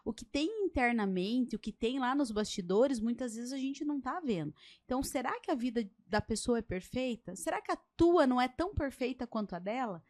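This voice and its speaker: A woman's voice: a little high, animated, a little fast, few pauses, a little mellow. A Brazilian woman hosting a podcast, chatting casually and telling a funny story with a guest. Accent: Brazilian Portuguese. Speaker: podcast host. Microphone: podcast mic.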